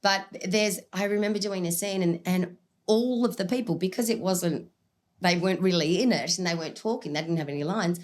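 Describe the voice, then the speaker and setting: A woman's voice: lowish voice, fairly quick. A woman hosting a casual chat, laughing a lot and telling her own stories. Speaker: host.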